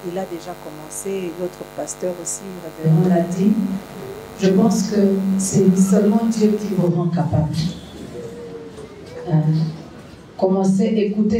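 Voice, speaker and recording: A woman from Kinshasa with a Congolese French accent, addressing a church gathering as a guest minister's wife, fervent and repeating phrases for emphasis. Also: fairly low pitch. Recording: mains hum and electrical buzz.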